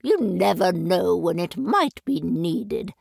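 Prim old-fashioned granny type played by a woman, gravelly edge, lively pitch, slow and fond. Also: dry recording, clean studio sound, heavily acted. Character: genteel older woman with circus past. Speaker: show regular.

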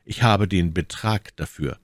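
A man's voice: sits low, unhurried, no echo, clean studio sound. A man voicing a bold young musketeer in an audiobook reading, speaking forthright and firm. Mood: proud.

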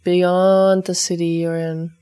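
A woman with a slightly low voice leads listeners through an energy exercise with their dogs. She guides in a gentle, unhurried way. She repeats rhythmic, chant-like clearing phrases. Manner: calm, repetitive incantation-like clearing phrases. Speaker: energy healing teacher.

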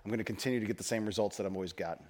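A man preaching a conversational sermon, mixing folksy stories and self-deprecating humor, rising to loud emphasis and dropping to quiet asides. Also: on the low side, very fast, slight background noise. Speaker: pastor.

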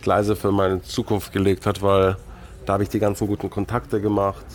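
A man's voice: lowish voice, soft background music. A man in his early forties, a guest telling stories in a casual chat, with many restarts. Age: 40s. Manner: fast, animated storytelling with many restarts.

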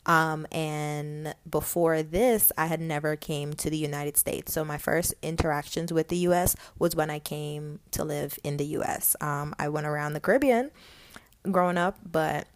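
A woman's voice: deep voice, fairly even intonation, normal speed. A young woman from Guyana with a light Guyanese accent, hosting a casual podcast and telling her own story in a chatty, candid way with lots of fillers. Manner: chatty, candid, laughs often, many fillers. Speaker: podcast host.

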